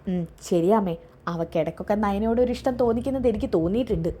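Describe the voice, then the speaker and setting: A woman's voice: mid-range voice, fast, mellow, natural voice. A woman voicing a smug spiteful young man. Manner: smug, sarcastic.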